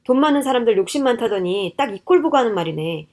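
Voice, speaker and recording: A woman's voice: a little high, lively intonation, fast talker. A woman doing an indignant, entitled husband. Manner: indignant, shouting back. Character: arrogant, entitled young husband, defensive.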